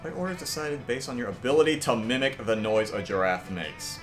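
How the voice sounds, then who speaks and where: A man with a mid-range voice banters casually as he plays along with a game. Soft guitar music sits faintly behind him. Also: medium pitch, a little fast. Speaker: game co-player.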